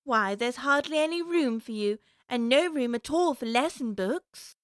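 A woman's voice: high-pitched, animated, unhurried, no echo, studio quality. A woman voicing Alice, a curious young girl talking to herself in a storybook audiobook. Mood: musing. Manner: musing aloud to herself, prim and wondering.

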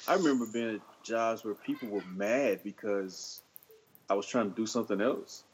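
Animated man hosting a podcast. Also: lowish voice, normal speed, slight background noise. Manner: animated, laughs often, acts out quoted people. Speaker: podcast host. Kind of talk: casual podcast chat.

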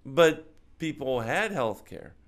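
Here the guest is an older American man who makes films, chatting informally about cinema and politics. His medium-pitched voice is very animated yet slow, and he muses hesitantly, figuring out his positions as he speaks.

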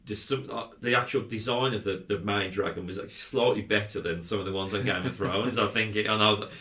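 A low-pitched man chats casually about films, rambling and animated, breaking into laughs as he goes. His voice sits in a roomy, echoey space. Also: quick pace. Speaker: podcast co-host. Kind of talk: casual film review chat. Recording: roomy echo.

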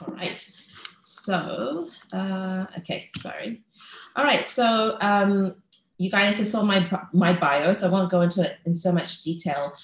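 On a video call, a heavily pregnant woman in her thirties, from Malaysia and raised in New Zealand, gives a chatty, casual talk as a guest speaker. Her mid-range voice moves a little slowly, full of ums and restarts. The low-quality recording is reverberant.

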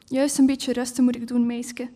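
A worn-out baker father mumbles excuses to his young daughter, as a woman reads his lines aloud. The voice stays mellow and a little high, with a flat, even delivery. He sounds apologetic and spent. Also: moderate pace, lightly acted. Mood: weary. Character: weary hungover baker father, excusing himself. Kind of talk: live literary reading.

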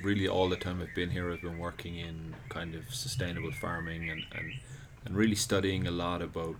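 Irish guy, very low monotone voice, loose rambly chat, noisy deck outside. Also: brisk. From Ireland. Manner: relaxed, rambling with restarts. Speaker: podcast guest. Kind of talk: casual chat. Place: outdoor deck. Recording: noisy outdoor background.

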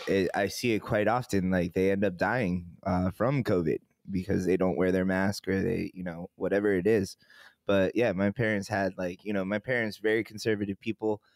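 A man's voice: sits low, no room sound. A man hosting a podcast over a video call, rambling casually and laughing easily. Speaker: podcast host. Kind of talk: casual chat.

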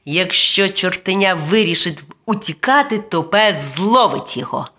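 Slow, expressive woman reading a storybook. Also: on the low side. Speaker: narrator. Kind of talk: children's storybook narration.

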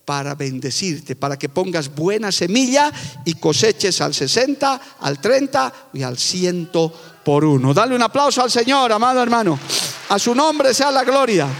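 A middle-aged man preaching fervently as a pastor, moving between loud proclamations and quiet, confiding asides. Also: sits high, expressive, moderate pace. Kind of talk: sermon. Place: church sanctuary with long reverb. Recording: echoey church hall.

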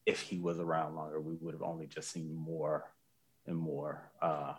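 A man's voice: rumbling low, little pitch movement, moderate pace, husky. A man co-hosting a casual podcast conversation, talking reflectively and earnestly with many restarts. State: choked up with emotion. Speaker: podcast co-host.

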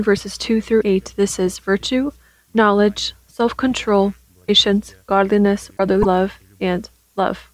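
A woman delivering formal prayer and sermon in a solemn, measured, reverent manner. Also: mid-range voice, no echo, rough recording.

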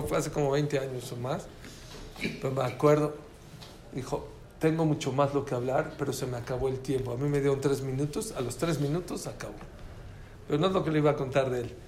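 In a room full of listeners, a male lecturer with a Mexican Spanish accent talks energetically about listening, pausing to ask the audience questions. His pitch sits a little high, and the space sounds echoey with faint background noise.

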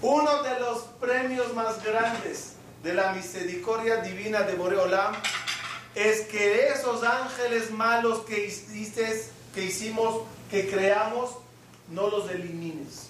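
A man's voice: high-pitched, takes it slowly, fairly bright tone, far from the mic, slight background noise. A man giving a sermon as a rabbi, asking the listeners questions and acting out little scenes to make his point. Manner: asks the audience questions and acts out little scenes. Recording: echoey hall, mic from afar.

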